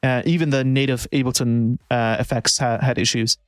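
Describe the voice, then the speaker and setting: A man's voice: mid-range voice, steady tone, normal speed, dry recording. A man who produces music, chatting casually on a live stream and thinking aloud with many restarts.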